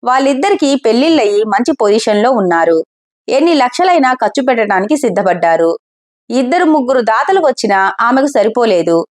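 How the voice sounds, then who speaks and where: Woman narrator, somewhat high voice, steady expressive storytelling. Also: a little fast.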